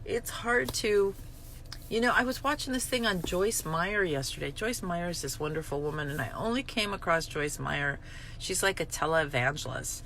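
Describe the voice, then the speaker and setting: A woman's voice: sits low, pushed and bright, a little hiss or hum. A middle-aged woman talking candidly and bluntly about recovery, self-mocking, swearing now and then, her feelings swinging as she talks. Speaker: recovery vlogger. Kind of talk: candid spoken reflection on a daily reading.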